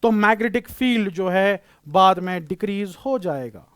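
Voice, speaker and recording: A man's voice: high-pitched, animated, normal speed, a bit bright, clear, resonant tone, no echo. A male physics teacher giving a classroom lecture, explaining patiently, repeating key phrases and using terms.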